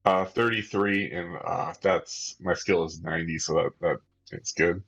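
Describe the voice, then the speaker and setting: Casting: male player, very low husky voice, dull lo-fi audio with faint music. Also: fairly even intonation, measured pace, a bit bright. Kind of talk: casual game talk.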